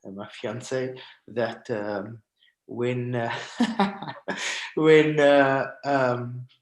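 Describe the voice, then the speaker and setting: Speaking in a mid-range voice with fairly even intonation, a South African guest artist from Cape Town shares stories in an informal presentation over a video call at home. He halts and pauses a lot, and the audio through the call's microphone is roomy and echoing.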